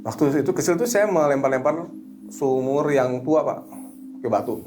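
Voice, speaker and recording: A middle-aged man who works as a hypnotherapist, chatting casually and telling animated stories, sometimes slipping into a slow, soothing suggestion voice. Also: medium pitch, music in the background. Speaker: hypnotherapist guest. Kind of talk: casual chat.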